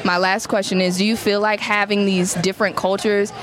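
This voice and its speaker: A woman interviewer asking plain, measured questions and giving brief narration. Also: medium pitch, level tone, a crowd in the background.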